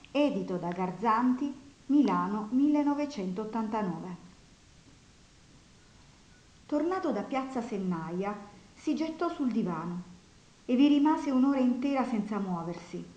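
Female audiobook narrator, steady measured reading, mid pitch, echoey room. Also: dull audio. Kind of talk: audiobook reading of a classic novel. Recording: roomy echo.

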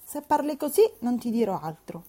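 A willful young woman in an audiobook, her voice lifted high and pressed hard, full of capricious outbursts, as a woman narrator does her. The tone stays slightly husky and breathy. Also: animated, moderate pace, warm tone. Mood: insistent. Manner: pleading, capricious, passionate outbursts. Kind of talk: audiobook character reading.

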